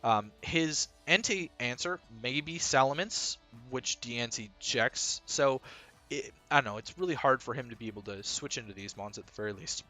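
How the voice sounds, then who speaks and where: A man's voice: mid-range voice, moderate pace, sharp tone, soft background music. A man talking casually as a team coach, explaining his strategy in a rambling way full of ums and uhs.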